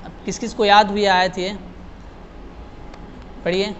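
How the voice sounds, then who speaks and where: High voiced guy teaching quran recitation, patient, slow model phrases, kinda dull lo-fi recording. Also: level tone, a bit bright. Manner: explains patiently, often adds "hai na", slows down to model recitation line by line. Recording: dull lo-fi sound with faint noise.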